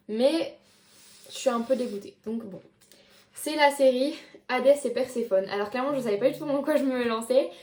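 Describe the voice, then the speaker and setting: A woman's voice: on the high side, a little mellow. A young woman chatting casually about books she read, with many fillers and restarts as she shows them to the camera. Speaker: book vlogger. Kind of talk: casual chat. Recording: echoey room.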